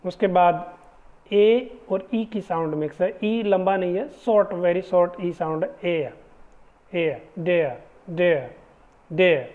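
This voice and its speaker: A teacher giving a phonetics lesson, explaining step by step and repeating each example word slowly. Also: mid-range voice. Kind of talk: exam-prep phonetics lesson. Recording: tinny phone-like audio.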